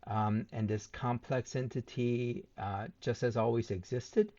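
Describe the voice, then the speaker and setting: A man hosting his own channel, rebutting a debate opponent point by point in a measured way, with frequent ums and uhs. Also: mid-range voice, steady tone, warm tone, muffled recording. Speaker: channel host responding to a debate.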